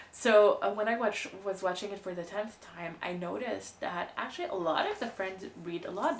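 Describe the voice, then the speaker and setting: Woman, book vlogger, casual chat, self-deprecating, echoey room, faint hum. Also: medium pitch. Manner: chatty and self-deprecating, laughs often.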